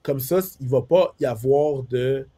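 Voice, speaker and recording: A man with a Quebec French accent that carries a touch of Haitian Creole, talking in a loose, animated way. His voice is somewhat husky and breathy at mid pitch. He keeps repeating words and restarting his sentences. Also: unhurried. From Quebec, Montreal area. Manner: switches into English accents when telling stories. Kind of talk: casual conversation.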